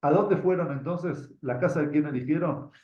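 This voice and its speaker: A man with an Argentine Spanish accent teaches a group through a religious story, his voice slightly high, mellow, and moderately paced. He frequently pauses to repeat words as he hunts for the next one and puts questions to his listeners. The recording sounds dull and lo-fi, captured in an echoey room.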